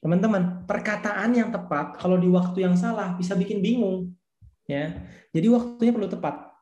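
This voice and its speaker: A man's voice: sits high, moderate pace, darkish tone, roomy sound, lo-fi sound. A man who leads a church youth ministry, teaching a discipleship class in a casual, slangy way and repeating his key points.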